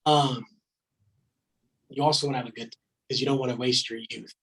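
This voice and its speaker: A man's voice: mid-range voice, steady tone, brisk, fairly bright tone, slightly rough, rough recording. A man in his thirties, a podcast guest, talking in a blunt, emphatic way, swearing and filling his talk with "man". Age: 30s. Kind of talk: casual podcast chat.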